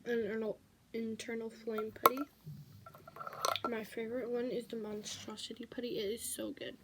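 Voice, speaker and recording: A woman's voice: fairly high pitch, level tone, moderate pace, background noise. A woman showing off her toys in a casual, rambling vlog, talking with candy in her mouth and full of filler words. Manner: chatty, rambling, many "like" fillers. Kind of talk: casual show-and-tell vlog.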